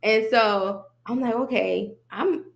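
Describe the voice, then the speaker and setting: A woman guest on a podcast, telling her story in casual conversation, animated and laughing often as she quotes herself and others. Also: a little high, takes it slowly, gravelly.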